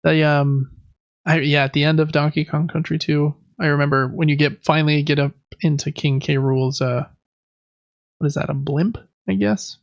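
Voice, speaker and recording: Talking about video games and board games, this podcast host speaks at a normal pace in a slightly high voice with fairly even intonation. He rambles a bit and fixes his words as he goes, recorded with no echo and the highs cut off.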